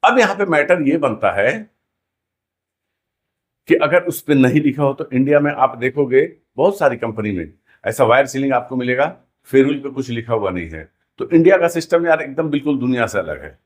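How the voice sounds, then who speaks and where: A man's voice: medium pitch, animated, normal speed. A man teaching a rigging class, explaining terms and repeating key words back to his students as questions. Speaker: rigging instructor.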